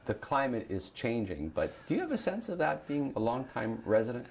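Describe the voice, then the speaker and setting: A man hosting a morning interview show, chatty and animated, his voice hoarse and scratchy today. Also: mid-range voice, fairly quick. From Saskatchewan. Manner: lively, chatty, animated questioning. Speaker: show host.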